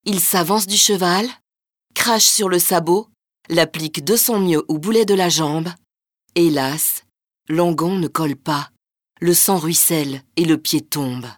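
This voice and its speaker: A woman narrates an old folk tale in a lively, rhythmic storytelling manner. Her voice sits on the low side for a woman. The recording is close and dry. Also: unhurried, dry recording.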